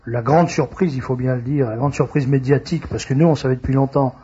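A man with a husky, slightly rough voice hosts a radio talk show, reading out announcements and stopping often to hesitate. The recording is dull and lo-fi. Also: mid-range voice, fairly even intonation, dark tone. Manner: halting, frequent hesitations. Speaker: radio host.

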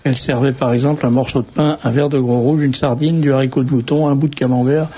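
A male radio host with a husky voice chats with his guest and drops teasing, opinionated remarks. The sound is muffled like an old broadcast. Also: medium pitch, steady tone, quick pace, warm tone. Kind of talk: radio conversation.

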